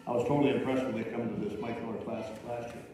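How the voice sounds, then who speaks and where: A man speaks with a flat, mellow tone, steady and admiring. The clip echoes through a big hall from far away, with faint noise behind. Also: mid-range voice, rapid-fire. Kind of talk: interview.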